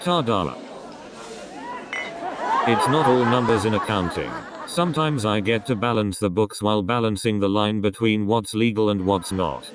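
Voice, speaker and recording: A man with a slightly low voice runs through a stand-up comedy set, firing off deadpan one-liners. Loud crowd laughter rolls in behind him between jokes. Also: normal speed, hardly any pauses, heavy background noise. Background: audience laughter.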